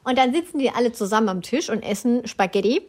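Young female co-host, casual, animated storyteller, slightly high voice. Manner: animated storytelling, quick bursts, often laughing. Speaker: podcast co-host. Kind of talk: casual chat.

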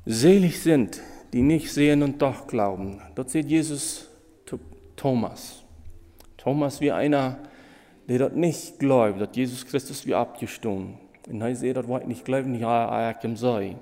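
A man preaching a sermon in with a Low tinge, halting and emotional, repeating phrases as he goes. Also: mellow, big-room sound.

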